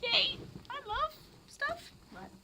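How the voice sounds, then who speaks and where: Speaking at an extremely high pitch, this teenage vlogger talks slowly in a pushed, bright voice with a faint hiss or hum. Her accent is South Wales, from Barry, with a touch of English, and she rants casually and expressively without a script, jumping between ideas.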